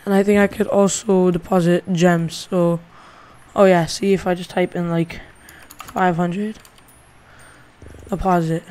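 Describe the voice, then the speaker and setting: A man's voice: sits high, flat delivery, a little slow, a little mellow, smooth. A male gaming channel host giving a casual game tutorial, thinking aloud and rambling with lots of filler words.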